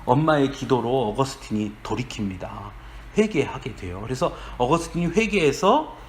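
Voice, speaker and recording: A male pastor giving a sermon, animated, acting out quoted voices and chuckling often. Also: mid-range voice, normal speed, a little hiss or hum. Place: church sanctuary.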